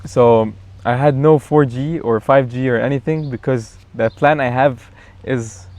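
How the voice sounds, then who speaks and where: A man chatting as a guest in a casual backyard interview, telling a story in a relaxed, rambling way with fillers. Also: medium pitch, a little slow, no room sound.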